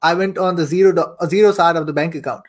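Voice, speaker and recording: Fairly even in intonation and quick in pace, a young man's slightly high voice carries his personal storytelling as a podcast guest. Originally from Saudi Arabia and later Pakistan, he's an affiliate marketer and coach who speaks informally and repeats a phrase for emphasis.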